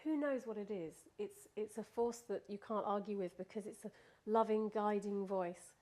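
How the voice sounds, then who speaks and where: Woman chatting through a story from her past, lots of laughs and ums, mid-pitched voice. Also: fairly even intonation, normal speed, a little mellow. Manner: laughs often, with many fillers and restarts. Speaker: guest recounting a personal experience. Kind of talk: casual spoken storytelling.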